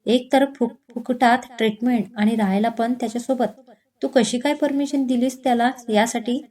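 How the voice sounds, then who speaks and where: A woman's voice: on the high side, fairly even intonation, moderate pace, warm tone, lightly acted. A woman voicing a disapproving, suspicious middle-aged mother in a spoken storybook. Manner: scolding, suspicious.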